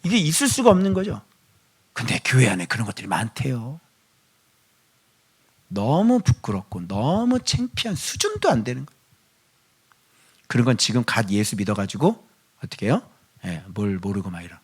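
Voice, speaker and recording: A middle-aged man preaching a sermon as pastor. He drops to hushed whispers, then rises to loud pleading, and keeps asking the congregation rhetorical questions. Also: mid-range voice, sing-song, normal speed, pauses often, breathy edge.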